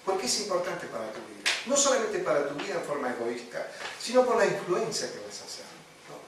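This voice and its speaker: Rioplatense pastor lecturing in an echoey hall. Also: male voice, sits high, sing-song, fast. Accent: Rioplatense Spanish. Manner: conversational, frequent "¿no?" tags and fillers. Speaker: pastor teaching a chaplaincy course. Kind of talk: sermon-style lecture. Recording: echoey room from far off, faint noise.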